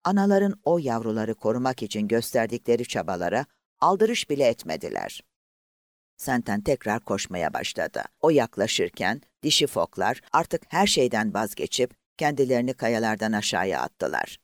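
Man reading a novel aloud, dry close sound, steady storytelling. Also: medium pitch, no echo. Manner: measured, expressive storytelling. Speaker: audiobook narrator. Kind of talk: scripted narration.

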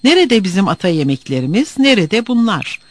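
A man's voice: sits high, very animated, a little fast, slight background noise, voice pushed up. A man voicing a scornful male friend who scolds in a mocking tone. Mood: scolding.

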